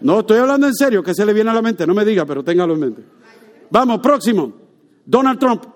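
A man preaching a lively sermon, joking with and quizzing his congregation. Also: high-pitched, quick pace. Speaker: pastor.

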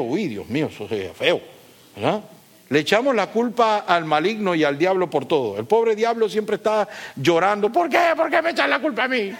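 In his sermon, a middle-aged pastor speaks with emphasis, poses rhetorical questions to the congregation, and swings from loud peaks down to quiet asides.

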